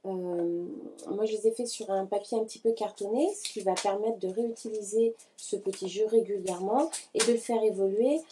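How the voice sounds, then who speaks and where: A woman calmly explaining a hands-on learning activity to parents, speaking directly to them in a patient tutorial style. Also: medium pitch, normal speed, a little hiss or hum. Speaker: early-learning educator.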